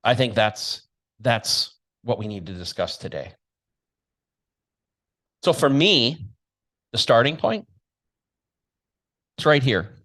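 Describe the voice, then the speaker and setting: A man's voice: mid-range voice, lively intonation, slow pace, long pauses, a bit bright. Emphatic man delivering an opinionated monologue. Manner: emphatic, combative, blunt, rhetorical questions. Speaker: show host and commentator.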